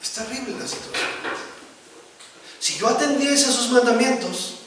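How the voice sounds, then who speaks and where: A male pastor with a high voice delivers a sermon, stressing points and checking in with his listeners. He sounds far from the mic in a very echoey church hall. Steady room noise sits under him. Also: moderate pace. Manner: preaching with rising emphasis and frequent "¿verdad?" asides.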